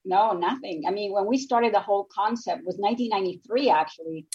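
On a radio interview, a woman from Nicaragua who learned English as a second language after Spanish shares her story earnestly and reflectively. She speaks briskly in a mid-range, darkish voice. The recording sounds muffled.

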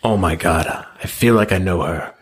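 A man's voice: low-pitched, moderate pace, slightly rough. A man playing in a tabletop role-playing game, speaking in casual improvised chat.

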